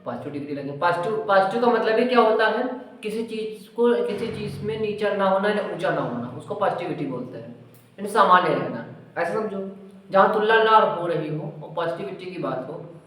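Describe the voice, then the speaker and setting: A man with a high voice teaches an English grammar lesson. He explains patiently and keeps asking the pupils questions. His voice booms around a very echoey classroom, with the mic some distance away. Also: fairly bright tone. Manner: explains slowly, asks pupils questions and repeats their answers.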